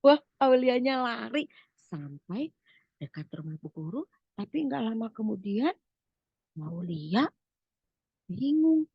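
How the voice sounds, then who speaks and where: A woman telling a story to children, talking straight to them in an animated way. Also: a little high, measured pace, vocal fry, long pauses, slightly rough, dry recording, muffled recording. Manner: animated, addresses the children directly.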